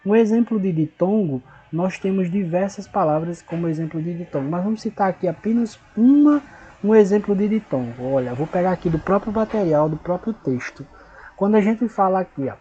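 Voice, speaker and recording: A man teaching a recorded lesson, patient and repetitive, slowly spelling out syllables and checking in with his pupils. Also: sits high, expressive, mellow, muffled recording.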